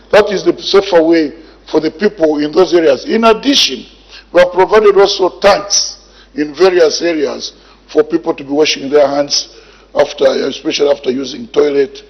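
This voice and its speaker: Man, minister type, gravelly husky voice, measured, dull broadcast sound. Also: fairly high pitch. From Zambia. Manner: measured, repeats words while thinking. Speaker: health minister answering in parliament. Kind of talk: parliamentary answer. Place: parliament chamber.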